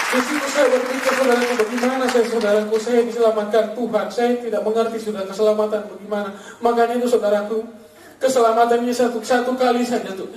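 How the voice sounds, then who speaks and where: A man's voice: sits high, darkish tone. A man from Makassar with a Makassar accent, giving an emotional sermon testimony and calling his listeners "brother" after nearly every phrase. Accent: Makassar Indonesian. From Makassar, Indonesia. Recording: echoey room, mic far off, faint hiss.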